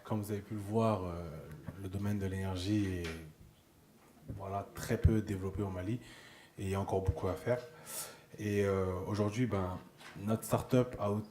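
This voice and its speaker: A man's voice: lowish voice, warm tone, reverberant, a little hiss or hum. A man from France who founded a solar start-up, explaining it plainly at a forum. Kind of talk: presentation at a forum.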